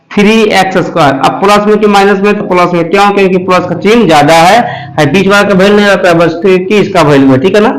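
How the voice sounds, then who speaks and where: A man teaches math at a coaching class. He works through each step slowly, repeating himself and stopping often to ask if it is clear. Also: high voice, low-quality recording. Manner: slow, repetitive explaining with frequent check-ins. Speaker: math tutor. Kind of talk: blackboard math lesson.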